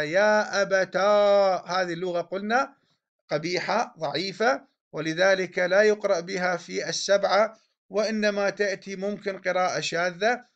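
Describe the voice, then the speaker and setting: A man teaching a classical Arabic grammar lesson, explaining a text and slowly drilling example forms one after another. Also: sits high, gravelly, fairly bright tone, muffled recording.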